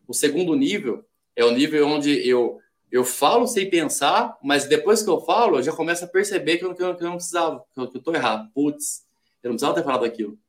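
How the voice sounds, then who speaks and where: A man from Brazil talks as a guest on a relaxed podcast. His voice sits a little high for a man, and he lays out ideas in numbered steps, now and then acting out short quoted lines to make a point. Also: fast. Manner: explains in steps, acts out quoted examples. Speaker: podcast guest, sales development rep. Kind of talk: casual podcast chat.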